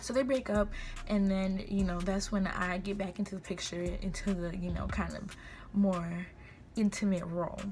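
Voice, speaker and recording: A young adult woman with an American accent chats through a gossipy storytime. Her delivery is informal and conversational, slipping into quoted dialogue as she goes. She speaks at a medium pitch, with noticeable room noise behind her. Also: fairly even intonation, moderate pace, a little mellow. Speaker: vlogger. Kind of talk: casual gossipy storytime chat. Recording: clear background room noise.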